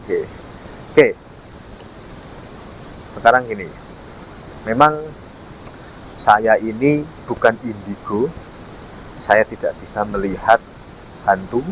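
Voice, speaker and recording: A man's voice: fairly low pitch, takes it slowly, pauses often, low-quality recording. Man explaining casually, faint background noise. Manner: explanatory, repeats himself, frequent tag words. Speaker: ghost-hunting vlogger. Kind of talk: casual explanatory talk to camera. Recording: faint ambient and vehicle noise.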